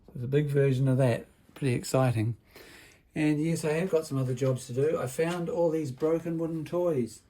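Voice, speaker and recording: With a slightly high voice at a moderate pace, a man acts as a builder in a children's workshop vlog. He's upbeat like a party entertainer, keeps explanations simple, and checks in with tag questions.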